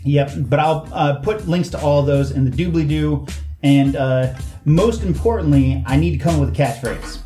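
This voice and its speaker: A man's voice: a little high, moderate pace, dark tone, soft background music. A man co-hosting and editing a podcast, rambling and joking in casual chat. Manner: rambling, joking, self-correcting. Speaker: podcast co-host and editor.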